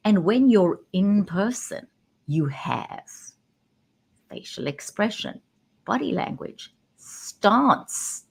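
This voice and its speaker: A woman who works as a communication coach, talking straight into her camera and stressing key words with pauses. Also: medium pitch, lively intonation, creaky, breathy edge. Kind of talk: direct-to-camera talk. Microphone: webcam.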